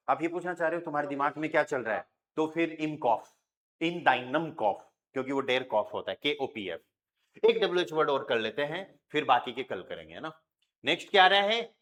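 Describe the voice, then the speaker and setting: A man's voice: on the high side, fairly bright tone. A man with an Indian accent teaching a grammar lesson to a class, patiently explaining and often checking that students have understood. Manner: slowly spells out sentences word by word. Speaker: German teacher.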